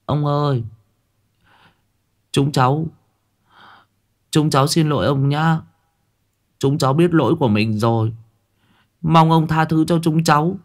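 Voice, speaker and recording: A man's voice: a little high, measured pace, pauses often, voice pushed up. A man voicing a group of frightened village boys who whimper and plead for forgiveness.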